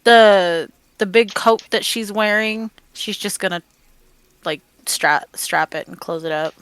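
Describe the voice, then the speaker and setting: Smooth-voiced thoughtful woman player. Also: mid-range voice, measured pace, fairly bright tone, no room sound. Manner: thoughtful, searches for words. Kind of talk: casual chat at a game table.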